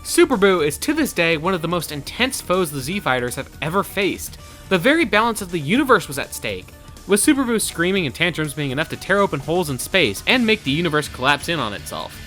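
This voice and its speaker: A man narrates a versus show's script as co-host, using a theatrical, dramatic storytelling manner. His slightly high, somewhat bright voice is sing-song and brisk, and faint music runs behind it.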